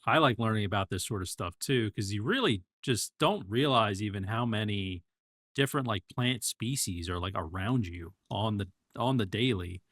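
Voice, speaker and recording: A man's voice: fairly low pitch, animated, normal speed, a bit bright, no echo, studio quality. A man co-hosting a casual podcast, talking in an easygoing, rambling way with many fillers. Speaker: podcast co-host.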